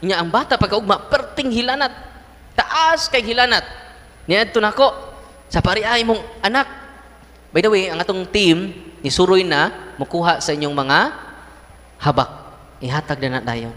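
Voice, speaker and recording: A Cebuano-accented priest preaches with a bright, forceful voice that carries. His pitch sits a little high for a man, and his sermon is lively and playful as he acts out the people in his stories. His voice rings with the long reverb of a large hall. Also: normal speed, long pauses. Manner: animated storyteller, acts out voices and laughs.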